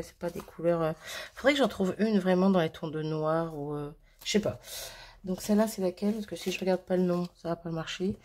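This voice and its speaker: A woman's voice: lowish voice, vocal fry, darkish tone, slight background noise. A woman hosting a crafting video, chatting casually and thinking aloud with fillers and little laughs as she works. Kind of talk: casual crafting tutorial chat.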